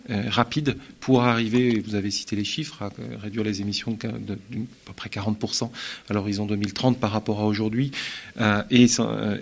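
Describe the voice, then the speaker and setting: A man, an economist guest, explaining at length with frequent restarts and repeated words. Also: lowish voice. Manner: hesitant, repeats words while thinking. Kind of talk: studio interview.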